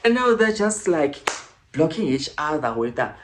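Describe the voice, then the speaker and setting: A man hosting a casual commentary vlog, chatty and digressive, with frequent hushed, whispered asides. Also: fairly high pitch, very animated, moderate pace, slight background noise, poor audio. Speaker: vlogger.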